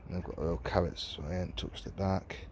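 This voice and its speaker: Deep-voiced man touring his allotment. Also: fairly even intonation, fast talker, creaky, slight background noise. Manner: chatty, rambling, chuckles often. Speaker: allotment vlogger. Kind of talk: casual walking tour commentary. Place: outdoor allotment garden. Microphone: handheld phone camera.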